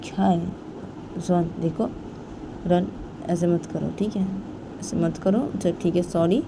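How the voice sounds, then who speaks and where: A woman voicing an apologetic young man who softly coaxes his partner, over vehicle noise. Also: fairly low pitch, flat delivery, a little slow. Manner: soft, coaxing, repetitive.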